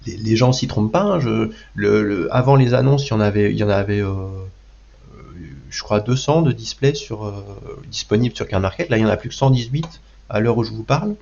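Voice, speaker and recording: Man with a cold, husky gravelly low voice, hesitant restarts, dull lo-fi sound. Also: a little fast, a little mellow. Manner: hesitant, many restarts and fillers. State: has a cold. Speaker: card game video host. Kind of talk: casual spoken commentary.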